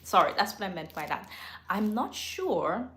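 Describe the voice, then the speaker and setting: A woman with a mid-range, bright and forceful voice hosts a casual face-to-camera livestream from her home studio, speaking at normal speed with big pitch swings. She's chatty, laughs often and corrects herself, using a microphone in a room with noticeable echo.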